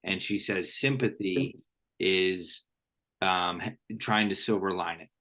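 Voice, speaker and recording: Male host, very low voice, thoughtful and sincere. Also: steady tone, bright, forceful tone. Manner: earnest, quotes thinkers, slows for emphasis. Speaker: podcast host. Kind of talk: reflective interview talk.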